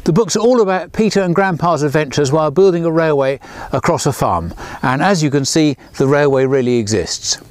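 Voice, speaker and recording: A man in his sixties, who writes children's books, reads one of his own aloud outdoors near a small railway. He goes a little fast with hardly any pauses, lifting his pitch to voice the characters in lively fashion. There's no room sound.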